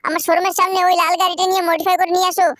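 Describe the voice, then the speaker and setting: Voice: very high-pitched, little pitch movement, racing, fairly bright tone, dry recording, studio quality. A performer voicing a boastful shop owner who bargains over car jobs in a game video.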